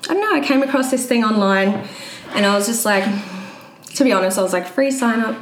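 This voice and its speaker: A woman's voice: medium pitch, animated, fast talker. A woman in her twenties with a Queensland Australian accent, telling her personal story casually and a little hesitantly as an interview guest. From Brisbane, Australia. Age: 20s. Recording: roomy echo, audible background noise.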